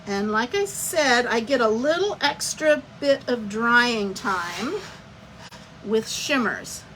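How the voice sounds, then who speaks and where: A woman's voice: on the high side, lively intonation, slow, sharp tone, slight background noise, poor audio. A woman giving a chatty, step-by-step live craft demonstration and greeting viewers by name as she works. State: has the hiccups. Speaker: craft instructor.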